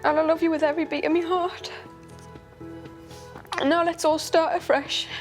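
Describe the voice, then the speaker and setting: A woman's voice: very high voice, little pitch movement, normal speed, soft background music. A young woman, reading an earnest, emotional speech to her family. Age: young adult.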